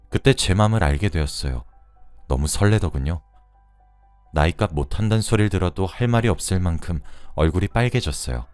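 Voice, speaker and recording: A man narrates a scripted story in an expressive, confiding way. His voice is very low, yet it moves through a wide melodic range. It sounds close and dry, with soft music faintly underneath. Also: dry recording.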